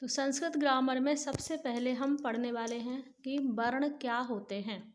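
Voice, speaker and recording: A woman teaching a grammar lesson to children, speaking slowly and clearly and repeating lists of sounds for her pupils. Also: high-pitched, steady tone, a little hiss or hum. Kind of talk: classroom lesson.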